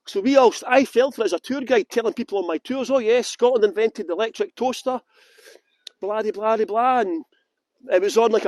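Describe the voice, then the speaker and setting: Brief: male tour guide from Yorkshire, fairly high voice, chatty and joking, dry close sound, walking outdoors. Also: no room sound. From England (West Yorkshire). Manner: chatty, joking, lively asides. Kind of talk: live-streamed walking tour talk. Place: outdoors in large public gardens.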